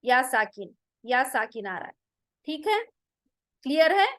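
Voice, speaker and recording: A woman teaching Quran recitation rules, explaining patiently and drilling pronunciations slowly, one sound at a time. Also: high voice, very animated, a bit bright, dry recording. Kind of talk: online tajweed lesson.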